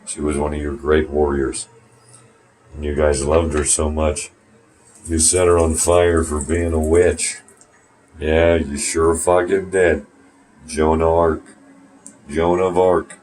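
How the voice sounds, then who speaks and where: With a very deep, slightly mellow voice, a man speaks slowly and flatly, leaving long pauses. He's a vlogger rambling casually to his phone camera in a small warm bathroom at home, swearing and becoming sarcastic.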